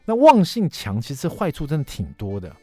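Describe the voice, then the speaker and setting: Animated middle-aged radio host. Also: male voice, on the high side, a little fast, slightly rough, no room sound, soft background music. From Taiwan. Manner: animated, self-mocking anecdote telling. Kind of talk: radio talk show storytelling. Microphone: studio microphone.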